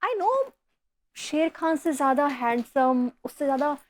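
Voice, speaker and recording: A woman's voice: sits high, lively intonation, slow pace. An actress playing a refined, dramatic modern wife who drawls and mixes English into her Hindi. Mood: wistful.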